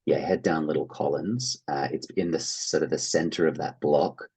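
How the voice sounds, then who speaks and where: This interview guest, an Australian actor and theatre producer, has a steady bass voice that's creaky, darkish, and a little breathy, delivered at normal speed. He's casual and enthusiastic, keeping things conversational and playing out imagined reactions.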